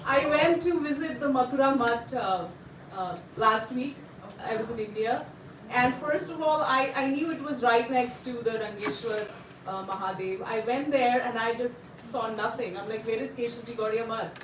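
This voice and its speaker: A woman's voice: fairly high pitch, moderate pace. A woman in her fifties giving a devout tribute at a gathering, telling her memories with fond asides. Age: 50s. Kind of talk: personal testimony at a gathering. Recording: echoey room, distant mic, faint noise.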